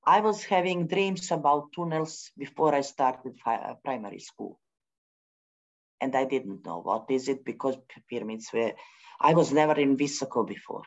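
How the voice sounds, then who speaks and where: A middle-aged woman speaks in a low voice that swoops up and down as she talks. She goes slowly, searching for words in halting, English. The recording is dull and lo-fi. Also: animated. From Bosnia. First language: Bosnian. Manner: non-native English grammar. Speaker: forum speaker. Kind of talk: spontaneous spiritual talk.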